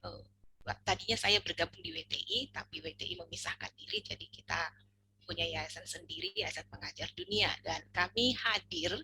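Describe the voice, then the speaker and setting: Woman trainer from North Sumatra, friendly and jokey, gravelly bright tone, faint noise behind. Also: fairly low pitch, animated, moderate pace, rough recording. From North Sumatra, Indonesia. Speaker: children's ministry trainer. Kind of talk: online workshop introduction.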